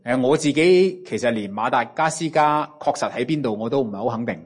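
A man with a Cantonese accent preaching a sermon in short phrases, pausing for an interpreter and often opening with a drawn-out interjection. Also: mid-range voice, slightly rough.

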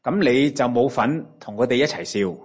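Preaching in brief phrases, this Cantonese-accented man waits for his interpreter after each one, frequently leading with a long, stretched interjection. His voice is medium-pitched with a breathy edge.

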